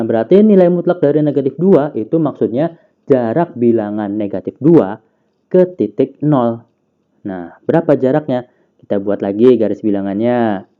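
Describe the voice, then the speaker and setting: A man's voice: mid-range voice, narrow, tinny audio. A man teaching a math lesson, patiently explaining, asking questions and answering them himself. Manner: patient, asks and answers own questions, counts aloud.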